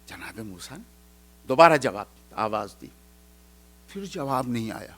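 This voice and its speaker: A man preaching a storytelling sermon in a mosque, impassioned, moving from loud cries to hushed pleading. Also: lowish voice, big pitch swings.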